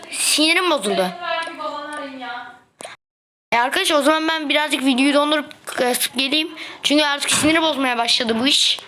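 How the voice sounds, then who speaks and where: A young woman playing a mobile game and giving excitable, trash-talking commentary, playfully complaining as she goes. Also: high-pitched, a little hiss or hum. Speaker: gaming video host. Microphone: phone.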